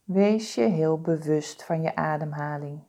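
This is a low-voiced woman leading a body-scan meditation. She speaks deliberately and soothingly, staying calm and leaving pauses between her instructions.

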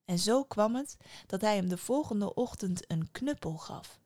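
A woman tells a fairy tale aloud with an expressive, storybook reading. Her voice sits at an ordinary middle pitch for a woman. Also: a little slow.

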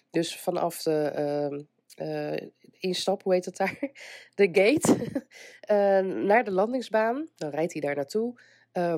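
A woman hosts a relaxed solo podcast while congested with a cold. Her voice sits a little low and is dark and mellow. She talks in a chatty, searching way, and the sound is very dry. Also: no room sound. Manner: chatty, hesitant, breaks into small laughs. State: getting over illness, stuffed up with a cold. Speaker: podcast host. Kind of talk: casual solo motivational podcast talk.

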